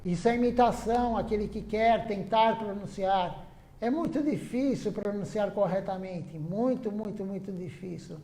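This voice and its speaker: A man's voice: sits high, moderate pace, warm tone, reverberant. A man giving an earnest devotional sermon at a temple, stressing his points by repeating them. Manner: earnest, repetitive emphasis. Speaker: temple speaker. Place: temple hall.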